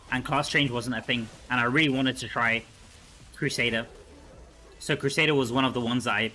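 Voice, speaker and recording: A man's voice: medium pitch, sharp tone. A man streaming a video game, chatting casually and thinking aloud as he answers his chat.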